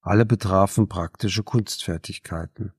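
A man reading a novel aloud as narrator, measured and even. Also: sits low, breathy edge, dry recording, studio quality. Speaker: audiobook narrator. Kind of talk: scripted narration.

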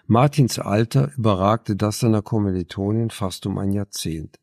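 Low gravelly guy reading a novel, dry close sound. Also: moderate pace, a little mellow, dry recording. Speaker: audiobook narrator. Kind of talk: scripted narration.

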